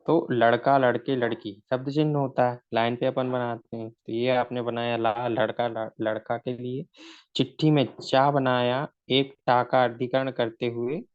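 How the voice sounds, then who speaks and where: A man's voice: medium pitch, flat delivery, a little slow. A man gives a shorthand lesson in a mid-range voice. He asks a question and answers it himself, slipping English terms into his explanations. The recording sounds a little dull and lo-fi. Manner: mixes in English words. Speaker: shorthand teacher.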